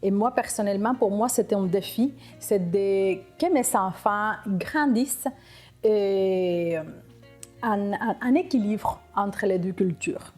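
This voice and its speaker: A middle-aged woman from Cuba, speaking French, telling her immigration story in an interview, reflective and halting with frequent restarts. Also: medium pitch, dark tone, faint music behind. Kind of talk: personal testimony interview.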